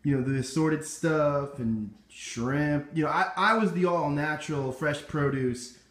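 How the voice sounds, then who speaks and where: This time the young man with an American accent speaks a little slowly, his pitch fairly high. Hosting a cooking show, he casually and playfully explains a recipe in slang, indoors in a home kitchen and grocery store.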